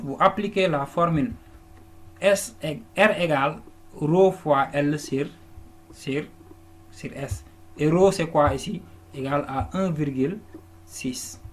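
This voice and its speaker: A patient male teacher explains a lesson step by step, his voice sitting a little higher than most men's. He often restarts words and stops to check that listeners follow. A faint hiss of noise runs under the recording. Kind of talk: classroom lesson walkthrough.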